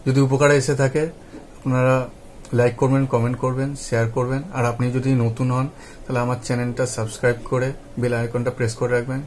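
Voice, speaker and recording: A man's voice: mid-range voice, little pitch movement, fast talker, darkish tone, slight background noise. A man teaching English pronunciation. He spells words out letter by letter, repeats them and checks often that the viewer follows. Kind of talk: spoken lesson.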